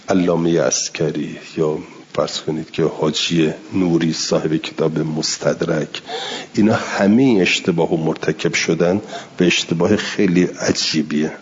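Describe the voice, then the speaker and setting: Man, deep husky voice, lecture-style Quran exegesis, slow Arabic readings with plain explanations, muffled lo-fi sound. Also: steady tone. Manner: reads Arabic passages slowly, then explains in Persian. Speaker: Quran commentary teacher. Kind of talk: religious lesson on Quran exegesis.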